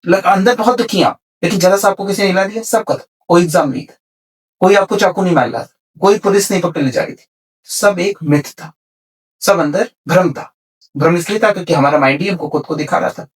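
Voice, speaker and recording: Far from the mic, a spiritual speaker on a podcast explains spiritual concepts in conversation with a high, fairly quick voice. English terms slip into his speech, and he repeats key words.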